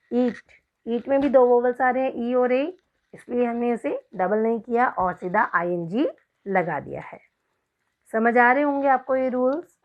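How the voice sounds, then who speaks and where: A woman with an Indian accent teaching an English spelling lesson online, explaining in Hindi and English and spelling out words letter by letter. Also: fairly high pitch. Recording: dull lo-fi recording.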